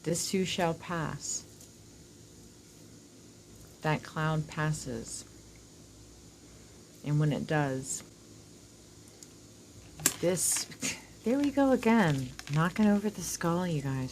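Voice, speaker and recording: A woman with a low voice speaks very slowly, leaving long pauses, over slight background noise. Dental work gives her a whistling s as she hosts a casual, rambling oracle card reading for viewers. She keeps it informal and is happy to swear.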